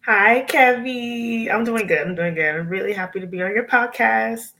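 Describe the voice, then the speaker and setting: A nurse practitioner from Miami, USA, a woman in her thirties, chats casually as a guest on a podcast, sprinkling in plenty of "like" and "you know." Her voice is on the high side and bright, with a forceful tone and normal speed.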